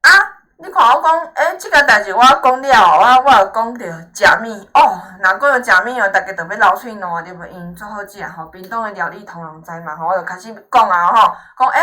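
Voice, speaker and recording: A woman teaches in a conversational way with a clear Taiwanese Hokkien accent. Her voice is bright and forceful at a middle pitch. She keeps checking that the listener follows, with short questioning tags, and offers reassurance. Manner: encouraging, reassuring. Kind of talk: informal lesson, explaining to a student.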